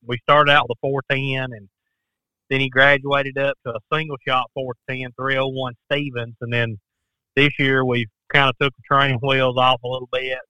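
A man's voice: mid-range voice, little pitch movement, normal speed, bright, forceful tone, smooth, dry recording, low-quality recording. A middle-aged man chatting casually as a podcast guest, with folksy phrasing. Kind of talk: casual chat.

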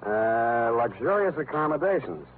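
An actor playing a wisecracking, hard-boiled private eye in a 1940s radio drama, dry and sardonic. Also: male voice, mid-range voice, sing-song, normal speed, lightly acted. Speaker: private detective. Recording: tinny old radio broadcast, faint hiss.

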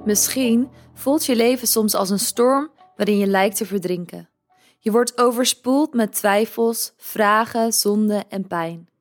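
On her podcast, a medium-pitched woman calmly reads a scripted devotional, her delivery gentle and unhurried.

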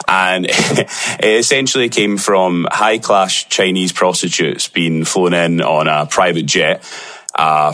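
A man's voice: low-pitched, fairly bright tone. A man with a broad Scottish accent from Glasgow, talking conversationally as a podcast interview guest. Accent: Glaswegian Scottish. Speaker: podcast guest, investigative security specialist.

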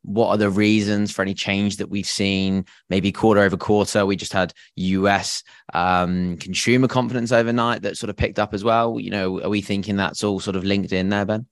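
Man, deep voice, podcast co-host, conversational finance talk, dry recording. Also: steady tone, normal speed, few pauses, no room sound.

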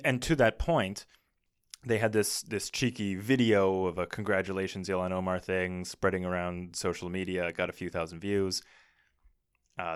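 This podcast co-host has a smooth, low-pitched voice recorded with no room sound. He chats casually in a dry, wry way and reads old archive clips aloud.

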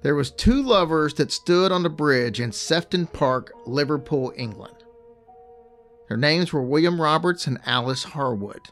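A man's voice: on the high side, lively intonation, measured pace, a bit bright, faint music behind. Laid-back man telling a ghost story. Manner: chatty, laid-back, jokey asides. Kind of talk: casual storytelling.

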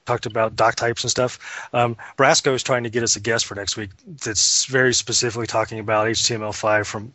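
A man's voice: medium pitch, fairly bright tone, no room sound, highs cut off. Eager male talk show co-host. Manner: eager, upbeat, stumbling restarts. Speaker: podcast co-host. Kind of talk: casual radio chat.

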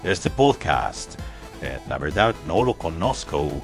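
Un hombre haciendo de ejecutivo gringo cansado, voz grave. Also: male voice, extremely low pitch, very animated, heavily acted. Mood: weary, deadpan. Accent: American gringo accent in Spanish. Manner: halting, formal foreigner's Spanish. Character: weary American games executive pleading in broken Spanish. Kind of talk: scripted celebrity greeting. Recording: music behind the voice. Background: music.

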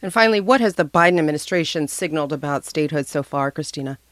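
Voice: mid-range voice, animated, fast, a bit bright, no room sound. A radio host delivering scripted broadcast narration.

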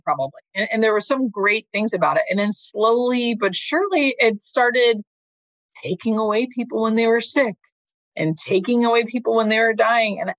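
A woman's voice: on the high side, a bit bright, no echo, lo-fi sound. A woman speaking as an interview guest, a hospice nurse talking casually and thinking aloud as she checks for agreement.

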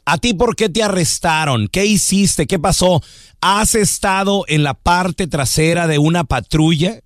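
A man's voice: high-pitched, unhurried, dry recording, clean studio sound. A man hosting a comic radio show who jokes and teases his co-host. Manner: teasing, joking, jumps into put-on voices. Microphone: studio mic.

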